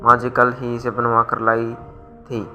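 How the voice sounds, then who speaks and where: A man's voice: medium pitch, monotone, unhurried, pushed and bright, faint music behind. A man voicing a sly young woman, the elder daughter-in-law in a storybook tale, who blames others. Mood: scheming.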